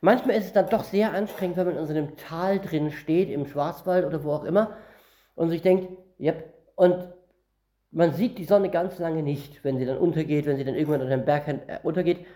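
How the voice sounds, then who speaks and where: With a fairly high pitch and a brisk, warm delivery, a man from northern Germany preaches a Bible-teaching sermon. He reads verses aloud, then talks through them word by word as if in conversation.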